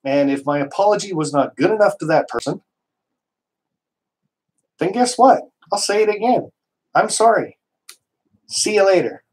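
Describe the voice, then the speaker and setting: A man from Canada hosting a casual live stream, talking in a slightly high voice. He gets worked up and emphatic, rambling through restarts and dropping the odd mild swear word. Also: low-quality recording.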